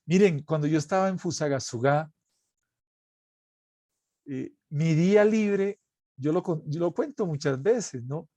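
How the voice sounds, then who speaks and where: Slow-speaking priest giving a sermon. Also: male voice, fairly high pitch, darkish tone, dry recording. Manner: anecdotal, acts out quoted exchanges. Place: parish recording.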